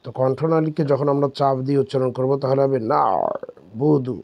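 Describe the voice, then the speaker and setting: A man teaching Quran reading step by step, spelling out letters and drawing out syllables slowly. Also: mid-range voice, little pitch movement, gravelly, darkish tone, no echo. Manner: slow, drawn-out syllable drills. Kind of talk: step-by-step recitation lesson.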